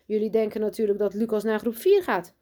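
A woman doing a shrill, bossy headmistress. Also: fairly quick, close to an everyday voice. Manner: loud, shrill and commanding. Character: strict pompous female headmistress, bossy and boastful. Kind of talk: storybook reading.

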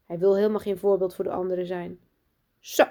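A woman reading a children's storybook aloud, her narration soft and low-key. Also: little pitch movement, fast talker. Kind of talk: children's book read aloud.

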